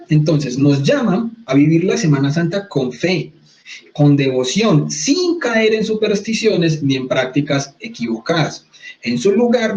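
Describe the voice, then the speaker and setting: A man with a Colombian accent teaching in an interview, animated, asking rhetorical questions. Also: fairly high pitch. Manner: animated, rhetorical questions, mock-quotes others. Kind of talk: conversational teaching. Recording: slightly muffled sound.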